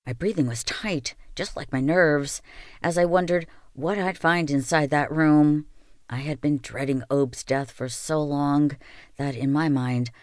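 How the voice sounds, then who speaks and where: Smooth, dry-voiced audiobook reader. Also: medium pitch, no room sound. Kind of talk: reading a novel aloud.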